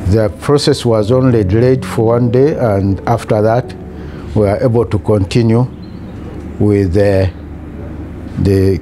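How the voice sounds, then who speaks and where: A middle-aged man from Kenya with a Kenyan accent, giving a personal account in a halting, hesitant way with long pauses. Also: fairly low pitch, noisy background. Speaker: patient giving a testimonial. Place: small hospital room, in bed. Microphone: lapel mic. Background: music.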